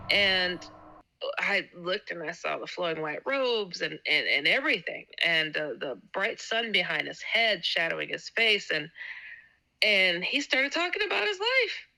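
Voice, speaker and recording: A woman's voice: mid-range voice, gravelly, pushed and bright, rough recording. A woman guest telling a personal story in a casual interview, stammering and repeating words as she acts out quotes. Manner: laughs often between sentences. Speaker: guest author.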